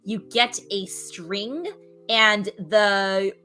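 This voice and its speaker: A woman's voice: mid-range voice, steady tone, extremely slow, pushed and bright, soft background music. A woman running a tabletop role-playing game as game master, explaining the rules and laughing easily.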